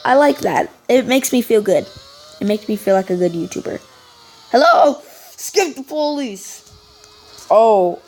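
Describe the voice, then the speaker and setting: A woman's voice: mid-range voice, lively intonation, moderate pace, a little mellow. A woman YouTuber giving playful, chatty let's-play commentary and talking back to the game.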